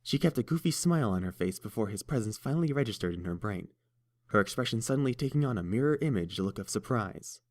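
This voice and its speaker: This audiobook narrator reads scripted fan fiction with measured steadiness, his voice slightly low. His narration stays even as it passes to the characters' voices.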